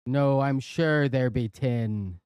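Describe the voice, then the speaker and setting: A gruff pirate growls out his line in a slow, dark drawl, as a man puts him on. The sound is dry and close. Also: mid-range voice, no room sound, lightly acted. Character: gruff male pirate telling a pun.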